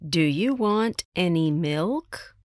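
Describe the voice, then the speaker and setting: A woman with an American accent reading textbook dialogue lines for language learners, enunciating clearly. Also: fairly low pitch, animated, slow, no room sound, clean studio sound. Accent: General American. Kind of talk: slow scripted textbook reading.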